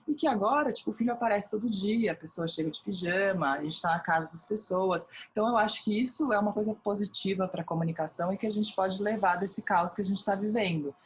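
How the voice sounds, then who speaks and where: A Brazilian woman with a fairly low voice tells her stories in a lively way, acting out the lines she quotes. A faint hiss runs behind her voice. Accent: Brazilian Portuguese. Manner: animated storyteller acting out quotes. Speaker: TV presenter, guest. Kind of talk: casual interview chat.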